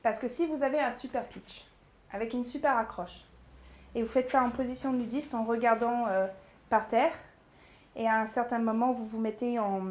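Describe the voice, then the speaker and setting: A woman coaching a public speaking workshop, lively and chatty, demonstrating pace and pauses. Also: on the high side. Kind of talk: workshop teaching. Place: agency workshop room. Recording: echoey room.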